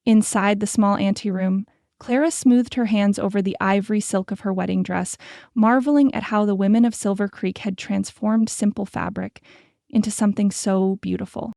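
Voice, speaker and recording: A woman reads a historical romance audiobook in a measured, storytelling way. Her voice is mellow and dark with a gravelly edge. The recording is close and dry, with no room sound. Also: mid-range voice, fairly even intonation, no room sound. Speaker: audiobook narrator. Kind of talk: scripted narration.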